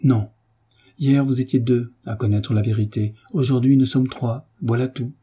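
A man's voice: medium pitch, steady tone, normal speed, dark tone, husky. A man reading the cold, firm lines of a resolute young son in an audiobook. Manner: icy, firm.

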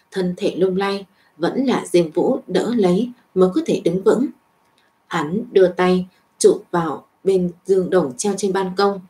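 Low-voiced woman reading a story. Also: warm tone. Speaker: narrator. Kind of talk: scripted narration of a web novel.

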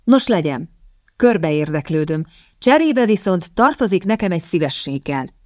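A woman voicing a grumpy, sardonic young gentleman in an audiobook, slow and grumbling with a mocking edge. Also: lowish voice, expressive, no echo, studio quality, close to an everyday voice.

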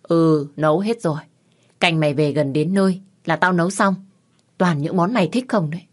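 A woman's voice: on the low side, moderate pace, darkish tone, natural voice. A woman voicing a frank, easygoing middle-aged aunt who teases bluntly in an audio story. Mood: teasing. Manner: blunt and teasing.

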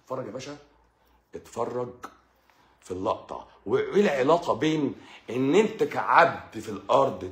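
A man's voice: mid-range voice, reverberant. A man with an Egyptian Arabic accent giving a religious talk, speaking straight to his listener and often repeating himself. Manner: lively, addresses listener directly, repeats and stammers. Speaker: channel host.

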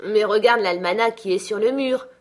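A woman reading aloud, voicing a rough, jealous young man who speaks in an insistent, agitated way. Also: medium pitch, normal speed, close to an everyday voice.

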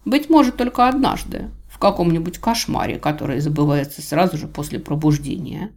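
A woman reading an audiobook voices a smug, cruel male villain god who talks with drawling, mocking calm. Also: low voice, fairly quick. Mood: menacing. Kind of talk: audiobook character voice.

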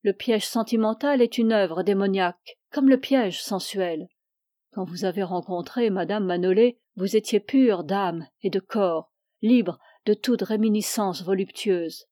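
Une femme qui prête sa voix à un mentor spirituel âgé et sévère, qui fait des reproches d'un ton dur. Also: female voice, mid-range voice, unhurried, warm tone, no echo, clean studio sound, lightly acted. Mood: severe. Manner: stern, reproving. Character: stern older male spiritual mentor, severe.

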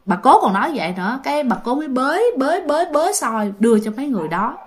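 Speaking high and fast with wide swings in pitch, a woman with a Southern Vietnamese accent tells a ghost story casually. She's chatty and talks directly to her listeners.

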